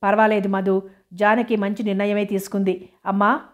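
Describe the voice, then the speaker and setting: A woman reading the part of a calm young man who speaks firmly, in an audiobook. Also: sits high, moderate pace, lightly acted. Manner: firm, steady.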